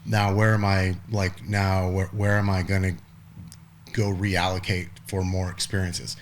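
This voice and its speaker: Low-voiced man in his forties. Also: flat delivery, a little slow, a little hiss or hum. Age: 40s. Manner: rambling, lots of "like" and restarts, blunt swearing. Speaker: podcast guest. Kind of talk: casual conversation.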